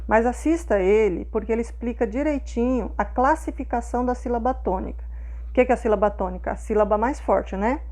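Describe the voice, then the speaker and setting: A woman with a Brazilian accent explains schoolwork in a patient, step-by-step way. Her voice sits a little high, and she keeps pausing to check that the class is following. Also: dark tone. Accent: Brazilian Portuguese. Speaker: teacher.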